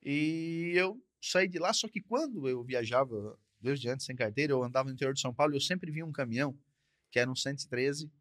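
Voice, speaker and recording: A man's voice: mid-range voice, brisk, fairly bright tone, no room sound. Male trucker guest, mid-range voice, plain conversational storyteller, dry studio sound. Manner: repetitive, conversational, frequent tag questions. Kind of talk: casual storytelling. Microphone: podcast studio mic.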